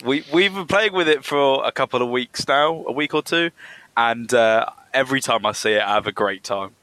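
A man hosting a podcast, relaxed and steering the casual chat. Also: medium pitch, normal speed, no room sound. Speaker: podcast host.

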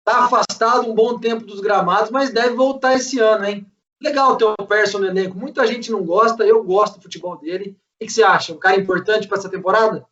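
A man's voice: high voice, a little fast, a bit bright. A man with a Brazilian accent hosting a casual football recap and discussion. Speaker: host of a football fan show. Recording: dull, distant microphone.

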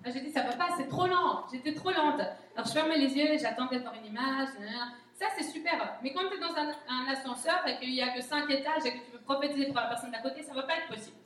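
Woman preaching casually at church, high voice, far off mic, big echo. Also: quick pace, hardly any pauses, fairly bright tone. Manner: conversational and candid, often acting out her own past thoughts. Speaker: guest speaker at a church. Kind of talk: informal sermon teaching. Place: church hall, recorded from a distance. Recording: echoey hall, distant mic, faint noise.

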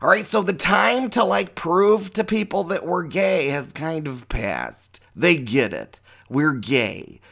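A man's voice: fairly high pitch, very animated, slow, vocal fry, few pauses, a bit bright. A middle-aged man hosting a podcast as a drag queen, giving a rambling, tangential, profane monologue. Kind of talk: opinionated monologue.

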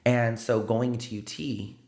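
With a medium-pitched, gravelly voice and a slow pace, this South Side San Antonio man with a South Texas accent shares stories as a podcast studio guest in an echoey room. The interview is casual and he is animated, often adding "like" and ending points with "right?".

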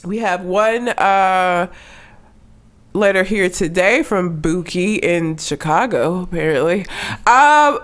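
A woman's voice: on the low side, animated, takes it slowly. A woman co-hosting a casual podcast, blunt and sweary, with a congested, froggy voice from being under the weather. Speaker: podcast co-host.

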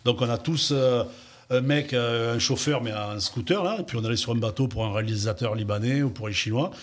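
A man guest in casual chat, telling long anecdotes in a talkative, lively way. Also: medium pitch, a little fast.

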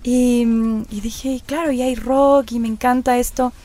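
A woman radio presenter in her thirties telling her story in a casual interview, acting out the dialogue she recalls. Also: unhurried. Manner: lively, acts out quoted dialogue with rising pitch.

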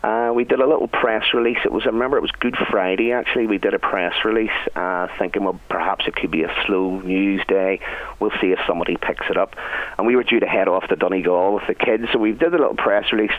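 A middle-aged Northern Irish man with a fairly low voice talks as a chef being interviewed on the radio. He is chatty and anecdotal, and the sound is narrow and a little tinny. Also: fairly even intonation, fast. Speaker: guest, restaurant chef. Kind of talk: conversational radio interview answers.

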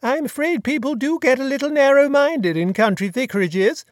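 A narrator voicing an elderly dowager duchess who gossips slowly and emphatically on the telephone, in an audiobook. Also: high voice, no echo, studio quality, voice pushed up, lightly acted. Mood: gossiping. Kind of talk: audiobook dialogue.

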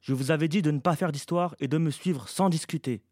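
A man's voice: mid-range voice, moderate pace, mellow, no room sound, studio quality, lightly acted. A man voicing a secretive, commanding mother who gives firm, clipped orders. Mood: stern.

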